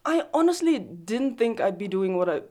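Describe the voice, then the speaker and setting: Recorded through a close desk mic, a woman in her thirties from Singapore, a photographer, is interviewed in a relaxed, conversational setting about herself. Her accent mixes Singaporean and Australian; at medium pitch and a moderate pace, she reflects thoughtfully, pokes fun at herself, and frequently restarts her phrases.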